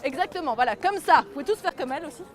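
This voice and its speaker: A woman with a very high voice tells a folk tale to a group of children. She draws them in, asking them to join the actions. A light crowd murmurs in the open air behind her. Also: racing. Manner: lively, gets the audience to join in. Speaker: storyteller.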